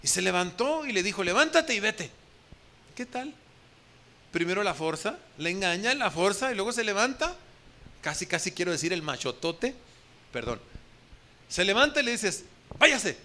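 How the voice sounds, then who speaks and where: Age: adult. Sex: man. Role: pastor. Style: sermon. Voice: high and bright. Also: big pitch swings, a little fast. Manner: addresses the congregation directly with questions, acts out quoted speech.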